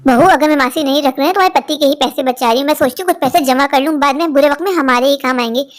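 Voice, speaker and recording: A fussy cartoon mother-in-law who nags and grumbles in a high voice, as a woman voices her. She talks quickly. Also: lightly acted. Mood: nagging. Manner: nagging, grumbling. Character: fussy, nagging middle-aged mother-in-law. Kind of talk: Hindi cartoon voice acting.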